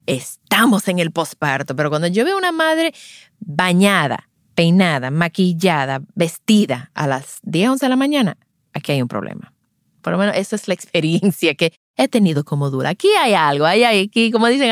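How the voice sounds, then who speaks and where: A woman with a lower voice tells a story from her work as a lactation consultant, shifting into each person's voice as she goes. Her tone is reassuring when she gives advice, and the recording is dry and close, with no room around it. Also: no echo. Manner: animated, acts out each voice in the anecdote.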